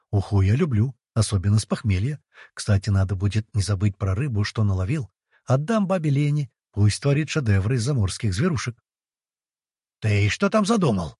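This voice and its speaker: A man's voice: on the low side, mellow, breathy edge, no echo, clean studio sound. A man narrating a first-person fantasy audiobook in a wry, playful storytelling manner.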